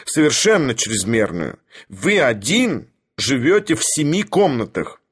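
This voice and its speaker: A man's voice: medium pitch, very animated, measured pace, husky. A man voicing a resentful, combative house-committee chairman who speaks with pushy indignation. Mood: indignant. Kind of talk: audiobook character voice.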